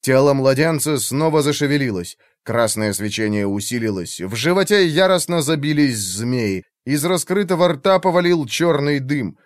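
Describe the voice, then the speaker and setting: A man narrating a fantasy audiobook in a steady, expressive storytelling manner. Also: medium pitch, no echo, clean studio sound.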